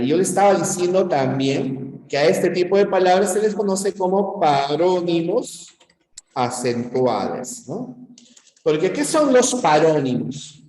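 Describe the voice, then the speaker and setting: Slow, emphatic Peruvian male teacher. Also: on the high side, darkish tone. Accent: Peruvian Spanish. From Peru. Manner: emphatic, checks in with frequent "¿ya?" and "¿no?". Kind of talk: pre-university grammar lesson. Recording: echoey room with long reverb.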